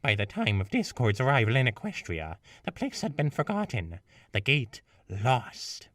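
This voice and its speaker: A man's voice: mid-range voice, big pitch swings, moderate pace, dry recording, studio quality, recorded from a distance, lightly acted. A man voicing a regal, ancient female pony princess, reading her lines in a stately, raised voice. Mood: solemn.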